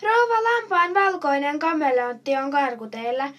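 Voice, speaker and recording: A woman's voice: high-pitched, fairly bright tone, distant mic. A woman reading a children's book aloud, voicing an earnest, polite boy hurrying to catch a runaway chameleon. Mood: eager. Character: eager young boy chasing a chameleon.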